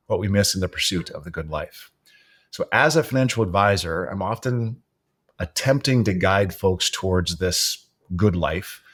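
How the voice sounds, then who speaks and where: Man, low pitch, podcast host, friendly, conversational. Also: fairly bright tone. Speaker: podcast host, financial advisor. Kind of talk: podcast interview.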